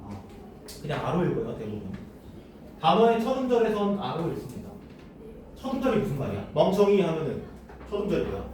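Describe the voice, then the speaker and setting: A man's voice: a little high, very animated, fairly quick, long pauses, a little mellow, a little hiss or hum. A man teaching a classroom lesson, often asking the students questions and then answering them himself. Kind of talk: classroom lecture. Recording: echoey room, voice from far off.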